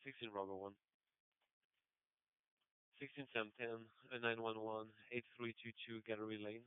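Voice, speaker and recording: A male police dispatcher coming through a police radio transmission, his lowish voice steady and flat as he reads clipped call codes. The sound is very clean yet squeezed into a narrow, phone-like band, dry with no room around it. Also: moderate pace, clear, resonant tone, no room sound.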